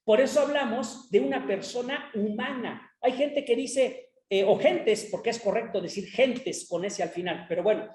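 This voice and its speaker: A woman's voice: a little high, normal speed, few pauses, darkish tone. A Mexican woman who teaches gives an explanatory academic panel talk, checking in with her listeners as she goes. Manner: explanatory lecturing, tag questions to listeners. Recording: roomy echo.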